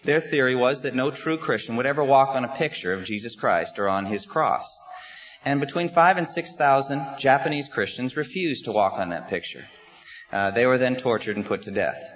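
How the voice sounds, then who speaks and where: An American man gives a Sunday sermon at a pulpit microphone in a church sanctuary. He speaks in an earnest, measured way, often pausing with "uh" as he builds his point. The recording sounds slightly muffled. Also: medium pitch, fairly bright tone. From United States. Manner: earnest, measured, with frequent "uh" pauses. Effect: preaching into a pulpit microphone. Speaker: pastor.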